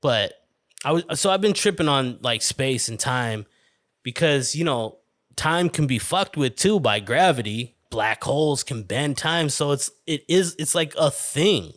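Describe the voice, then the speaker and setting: A man's voice: medium pitch, animated, a little slow, fairly bright tone, no room sound, studio quality. A man hosting his own podcast, rambling and swearing through a casual solo rant full of fillers and restarts. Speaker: podcast host. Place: indoor room with a window.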